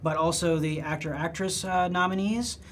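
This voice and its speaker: Upbeat live-stream host, faint noise. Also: male voice, a little high, steady tone, moderate pace. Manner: upbeat, announcing, with fillers. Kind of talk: casual live-stream hosting.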